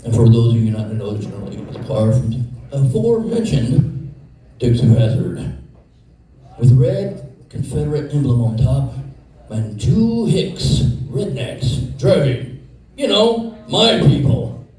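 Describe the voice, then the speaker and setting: A man's voice: mid-range voice, very animated, measured pace, mellow. Profane man telling a story, very echoey. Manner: profane, exasperated rant. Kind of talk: comedic storytelling. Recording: very echoey room, mic far off.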